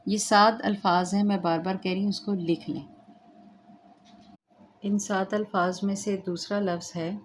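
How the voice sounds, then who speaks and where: Slow-paced woman teaching Quran recitation. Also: medium pitch, darkish tone, slight background noise. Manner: patient, explaining step by step, checks understanding. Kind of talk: slow tajweed lesson with chanted recitation.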